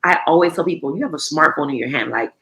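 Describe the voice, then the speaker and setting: A US woman in her thirties, a recycling entrepreneur appearing as a guest, chats casually in an interview, full of restarts and fillers. Her voice sits low and moves quickly, creaky yet pushed and bright.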